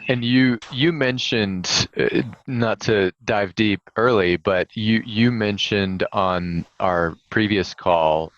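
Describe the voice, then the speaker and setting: Male podcast host, low voice, measured and polite; dry, slightly muffled lo-fi recording. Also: fairly bright tone, no room sound. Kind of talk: interview questions. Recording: dry, slightly dull lo-fi sound.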